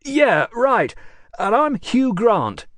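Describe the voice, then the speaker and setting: A man voicing a brash, excitable young English writer in an audiobook, who answers with sardonic disbelief. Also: very high-pitched, takes it slowly, dry recording, pitched above the performer's own voice, heavily acted. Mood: incredulous. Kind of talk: audiobook character voice.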